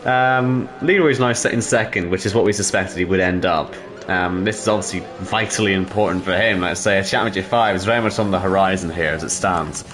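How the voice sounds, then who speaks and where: A man with a lowish voice breaks down pit strategy and standings. His humour is dry and understated. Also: a little fast, hardly any pauses, a bit bright, slight background noise. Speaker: race commentator. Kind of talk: live sim racing commentary.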